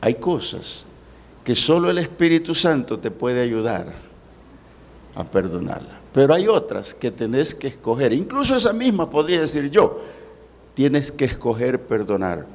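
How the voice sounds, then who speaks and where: A man, a pastor preaching a sermon at a church service, with dramatic swings in pitch and slowed words for emphasis. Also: big pitch swings.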